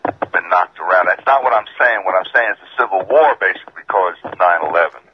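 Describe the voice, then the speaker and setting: A man from Georgia calling in to a radio show, insistent and calmly argumentative, his voice tinny and metallic over a bad phone line. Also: low voice, quick pace, a little hiss or hum. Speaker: caller. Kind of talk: call-in radio caller.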